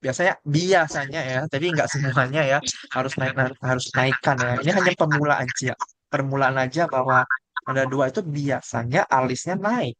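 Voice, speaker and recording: A man leading a classroom lesson on Mandarin tones, explaining step by step and stopping to ask his students questions. His voice sits at an ordinary pitch and sounds close and dry, with little room echo. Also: moderate pace, a bit bright. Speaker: Mandarin teacher. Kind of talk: classroom teaching.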